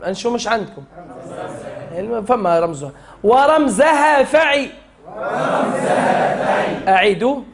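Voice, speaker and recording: High-voiced Tunisian teacher drilling students. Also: male voice, expressive, unhurried, long pauses, crowd noise. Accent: Tunisian Arabic. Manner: drills students, repeats lines, chants rules. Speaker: Quran recitation teacher. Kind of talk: classroom lesson with chanted verses.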